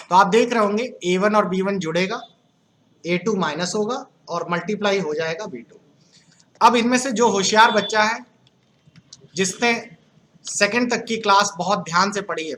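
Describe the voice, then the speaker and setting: A high, pushed and bright male voice leads a classroom lecture on computers. The man, from Uttar Pradesh and speaking with an Uttar Pradesh Hindi accent, puts questions to the class and jokes with the students.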